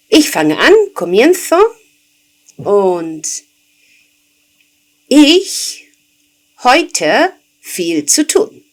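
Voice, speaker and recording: A woman teaching a language lesson, patiently repeating example sentences and asking the listener questions as she explains. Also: on the low side. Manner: asks rhetorical questions to the learner. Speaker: German teacher. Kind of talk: slow, clear language lesson.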